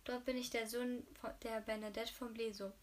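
A woman's voice: on the high side, level tone, moderate pace, lightly acted. A woman reading as a gangster hotel owner. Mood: earnest. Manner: read aloud with slips and restarts. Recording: distant mic with faint hiss.

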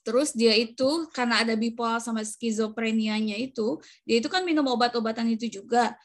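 Woman, nurse, podcast chat, slightly high voice, rambling anecdotes, many fillers. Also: a little fast.

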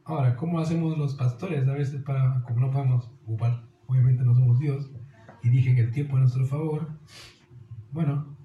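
A man's voice: mid-range voice, steady tone, brisk, reverberant, narrow, tinny audio, a little hiss or hum. A man preaching a sermon as pastor, earnest and direct, often calling listeners "querido".

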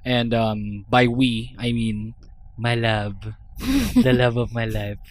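A man's voice: medium pitch, animated, slow. A man hosting a podcast, rambling and swearing freely in casual chat. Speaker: podcast host.

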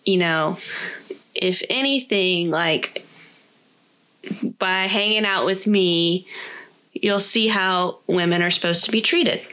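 A woman's voice: fairly low pitch, slow, long pauses, pushed and bright. A young woman co-hosting a podcast, talking frankly and casually, swearing freely. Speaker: podcast co-host. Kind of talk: casual candid chat.

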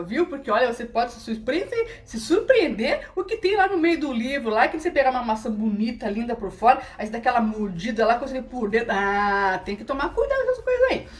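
A woman vlogger telling a comic story, rambling and repetitive, stacking little filler tags between every phrase. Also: on the high side. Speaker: comedic vlogger.

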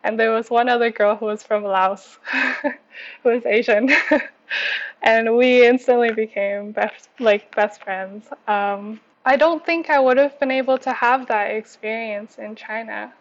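A woman's voice: fairly high pitch, steady tone, unhurried. A woman from Canada in a casual discussion, speaking in an upbeat, friendly way. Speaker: panel guest. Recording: dull lo-fi recording.

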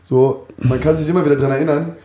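A man's voice: a little high, fairly even intonation, fast talker, dark tone, roomy sound, slight background noise. A young man telling a rambling, slangy story in a casual podcast chat from a backstage dressing room. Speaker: podcast co-host.

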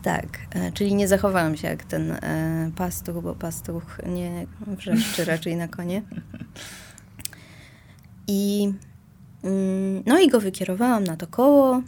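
Woman w/ a gravelly fry in her voice, casual chat, thoughtful and laughs at herself. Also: on the low side, fairly even intonation, slow, darkish tone, slight background noise. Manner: reflective and self-mocking, with frequent hesitations and laughs. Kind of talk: casual conversation.

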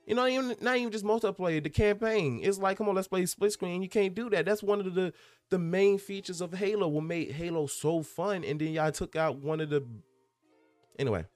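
A man's voice: high voice, a little fast, no echo, faint music behind. A man hosting a casual gaming podcast who reads out a news article and keeps breaking off to ramble and stumble over his words. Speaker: podcast host.

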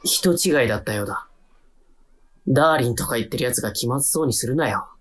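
A young man speaks in a mid-range, fairly ordinary voice at a quick pace, with a little hiss or hum behind him. He's an actor playing a timid narrator-protagonist in a radio drama, delivering an inner monologue full of wry, self-deprecating asides.

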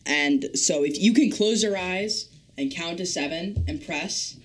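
A woman's voice: lowish voice, unhurried. A young woman co-hosting a podcast, telling stories and joking casually with friends. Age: young adult. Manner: animated, joking. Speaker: podcast co-host. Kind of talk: casual chat and storytelling among friends.

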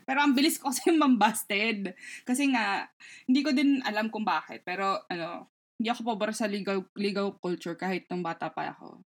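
A woman's voice: medium pitch, normal speed. A hungover woman with a Filipino accent co-hosting a casual podcast, joking at her own expense. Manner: self-deprecating, jokey. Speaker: podcast co-host.

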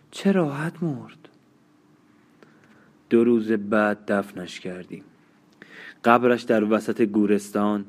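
A man narrating an audiobook in a slow, sombre, measured way. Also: fairly low pitch, darkish tone. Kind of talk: audiobook reading.

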